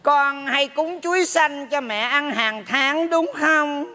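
A man voicing a scolding middle-aged mother in a stage comedy sketch, nagging her son slowly. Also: very high-pitched, pushed and bright, full character voice. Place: theater stage.

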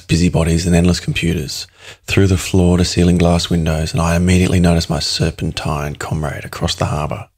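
A man's voice: deep voice, slightly rough. A man narrating an audiobook in the first person, in a sardonic and crude manner.

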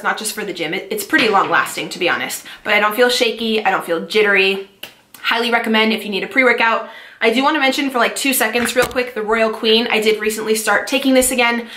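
A woman in her twenties from California, chatting quickly and eagerly about fitness products she uses. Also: medium pitch, bright, forceful tone, roomy sound. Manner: fast, chatty, enthusiastic. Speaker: fitness vlogger. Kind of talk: casual product-review vlog.

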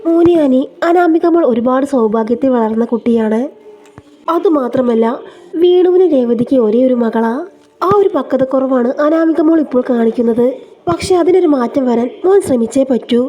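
A woman voicing a gentle elderly grandfather who speaks in a soothing, reassuring way. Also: high-pitched, normal speed, muffled recording.

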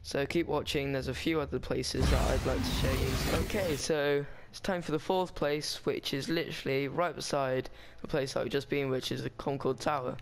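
A man's voice: medium pitch, fairly even intonation, moderate pace, gravelly, hardly any pauses, slight background noise. A man talking casually over a game walkthrough, rambling and chatty with frequent restarts. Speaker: gaming guide maker.

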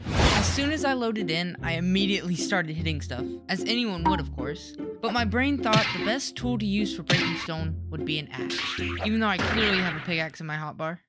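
A woman's voice: lowish voice, expressive, brisk. Woman gamer narrating her playthrough, jokey and self-mocking, music under her. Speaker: gaming channel host. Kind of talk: narrated gameplay vlog. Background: game music.

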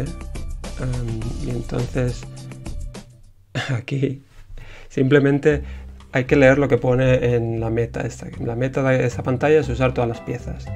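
Rambling Spanish man, music faintly behind. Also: medium pitch. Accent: Spain Spanish. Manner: relaxed and rambling, with many fillers. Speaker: indie game developer. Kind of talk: casual talk on the history of his game.

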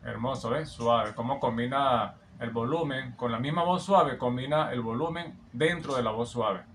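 A man's voice: medium pitch, moderate pace, fairly bright tone, soft background music. A man acting as a vocal coach, explaining singing technique in an admiring, explanatory way. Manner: admiring, explanatory, often sings snippets back. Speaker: vocal coach analyzing a singer. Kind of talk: reaction and vocal analysis commentary. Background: song playing in the background.

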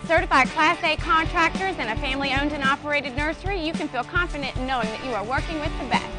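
A woman's voice: fast, over loud music. A young woman reading a scripted commercial for her business in an upbeat sales manner. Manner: bright, upbeat sales pitch. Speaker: business owner in ad. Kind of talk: scripted ad read.

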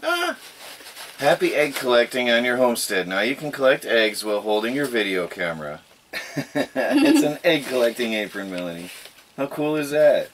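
A man's voice: mid-range voice, fairly bright tone, a little hiss or hum. A middle-aged man in casual chat as a vlogger, laughing often, filmed by a camera across a small wooden cabin living room.

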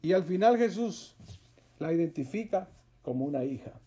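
Male preacher, high-pitched, mellow, emphatic, repetitive, Bible sermon. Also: lively intonation, moderate pace. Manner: emphatic, repeats key phrases.

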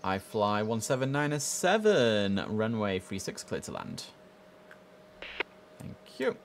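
Wearing a headset at a desk in his room, a young man streams an air traffic control game, chatting with his viewers and tossing in clipped radio calls. His voice is on the low side and slow, with big swings in pitch.

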